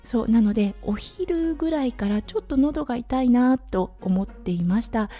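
A woman with a hoarse, slightly raspy voice from overuse, chatting through a casual solo audio diary as a host. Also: on the high side, expressive, moderate pace, warm tone. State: hoarse from overuse, sore throat. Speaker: podcast host, anaesthetic nurse. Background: background music.

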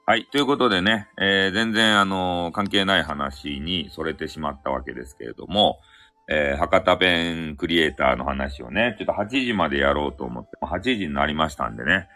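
A man's voice: very deep voice, normal speed, sharp tone, soft background music. A man with a Hakata dialect hosting a casual solo live audio chat, rambling and correcting himself, with chuckles along the way. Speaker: live audio stream host.

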